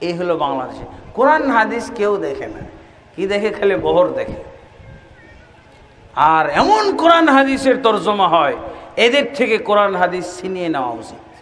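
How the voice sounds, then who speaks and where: A male preacher from Bangladesh delivering an impassioned sermon to a large outdoor gathering, shouting at its peaks with mocking asides. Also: high-pitched, very animated, moderate pace. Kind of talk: fiery sermon at an open-air gathering. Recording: echoey loudspeaker sound with long reverb.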